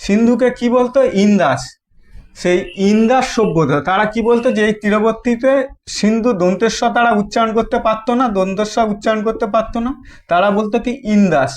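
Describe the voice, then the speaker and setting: High-voiced man teaching, repeating himself. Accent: Bengali. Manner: asks questions and answers them himself, repeats words often; halting, restarts phrases. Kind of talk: classroom history lesson.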